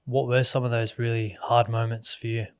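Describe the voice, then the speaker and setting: A man hosting a podcast, who eases into his questions in a relaxed, conversational way. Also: medium pitch, normal speed, smooth, no room sound, studio quality. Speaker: podcast host. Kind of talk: conversational interviewing.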